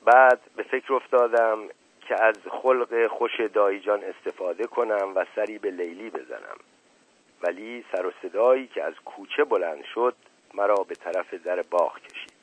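A man narrating a novel in a measured storytelling manner, in an audiobook reading. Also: on the low side, husky. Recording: narrow phone-like radio recording.

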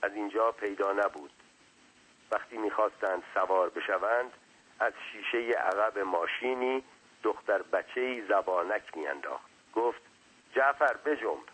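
A man reading a story aloud as narrator, in measured, plain narration. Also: on the low side, a bit bright, husky, rough recording.

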